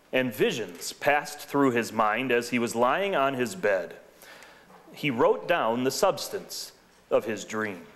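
Man preaching with dramatic pauses. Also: mid-range voice, fairly bright tone. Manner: dramatic pauses, slows down for emphasis. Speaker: pastor. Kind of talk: sermon.

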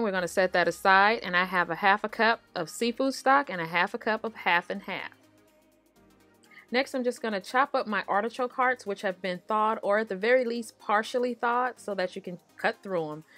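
An American woman hosts a cooking show, her voice lowish and a bit bright. She narrates a recipe casually, speaking straight to viewers in a conversational way, with music playing in the background.

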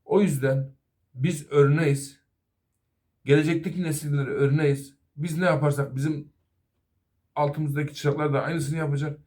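A man's voice: a little high, steady tone, normal speed, long pauses, darkish tone. A middle-aged man, a master auto mechanic, giving an earnest safety talk to fellow workers and apprentices. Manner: earnest, advising, repeatedly addressing "arkadaşlar".

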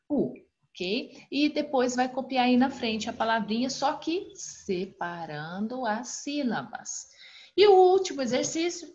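A woman with a Brazilian Portuguese accent teaching a recorded online class to young children, explaining each exercise patiently and step by step. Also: on the high side. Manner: affectionate, calls the class "turminha". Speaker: primary school teacher. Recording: dull lo-fi recording.

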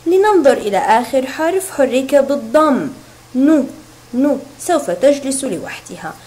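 A woman teaching a recorded reading lesson to young children, sounding out syllables slowly and clearly. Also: high-pitched, expressive, warm tone, rough recording. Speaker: kindergarten teacher.

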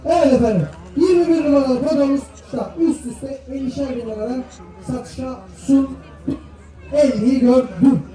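A man's voice: extremely high pitch, moderate pace, mellow, soft background music. A man working as a livestock auctioneer, calling out bids and lot numbers in a repetitive chant with formal address to bidders. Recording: echoey PA from far off, faint crowd.

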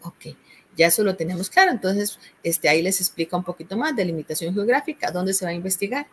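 A woman's voice: lowish voice, quick pace, breathy edge. A woman with a Costa Rican accent, a university tutor patiently explaining a course assignment, often checking in with "¿verdad?". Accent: Costa Rican Spanish.

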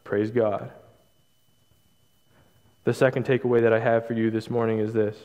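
A young man preaching a sermon as pastor, in a measured, earnest delivery with emphatic repetition. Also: medium pitch, flat delivery, a little mellow. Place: church stage, large hall. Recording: hall reverb, dull lo-fi sound.

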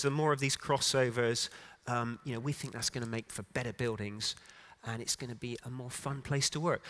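A middle-aged man speaks from a conference stage into a microphone, his voice in the middle range. He talks off the cuff, backing up, repeating words and filling pauses. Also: medium pitch, fairly bright tone. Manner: unscripted, halting, many restarts and fillers. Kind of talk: conference keynote talk. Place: conference stage in a large hall.

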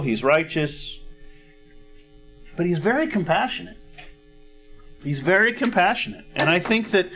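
Soft instrumental music plays faintly as a middle-aged male pastor, voice on the high side and a little raised, preaches slowly and with deliberation. Stopping often to ask "all right?" and clearing his throat at times, he keeps the sermon conversational. He stands on a church stage with a cozy fireplace set.

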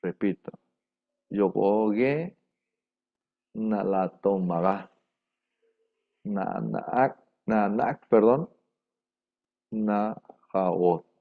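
Male teacher, very slow dictating delivery, lowish voice, dull lo-fi mic sound; repeats each word patiently for the class. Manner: repeats words slowly and carefully, dictating to students. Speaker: language teacher. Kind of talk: slow repetitive language class. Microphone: microphone. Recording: dull lo-fi room microphone.

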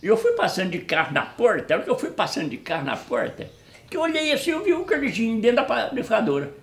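A man's voice: very high voice, fast, reverberant. A man telling a funny story, acting out the dialogue and laughing as he goes. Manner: animated, acts out dialogue, laughs often. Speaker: storyteller guest. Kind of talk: casual anecdote telling.

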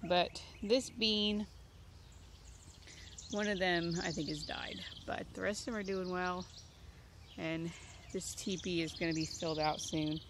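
Outdoors with a handheld phone camera, a woman in her thirties offers an easygoing, rambling tour of her backyard garden, thinking aloud through many ums. She has a lowish voice with fairly even intonation, speaking unhurriedly and pausing often. Birds, nature sounds, and background noise fill the recording.

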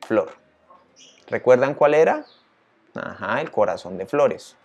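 A male teacher walking viewers through a tutorial in a lively, chatty way, often asking them questions. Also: medium pitch, slow, slightly rough. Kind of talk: screen-share tutorial.

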